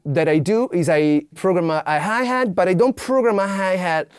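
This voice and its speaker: A man's voice: high-pitched, normal speed, smooth, no room sound. A man explaining step by step as a music producer in a studio tutorial, sometimes mouthing drum rhythms aloud. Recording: drum machine and synths playing under voice.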